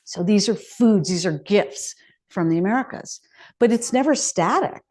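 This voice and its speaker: Speaking at normal speed with an expressive, somewhat dark tone and medium pitch, a chef and speaker addresses an audience in a contemplative community's residential hall. She tells her talk like a story, sprinkled with rhetorical questions.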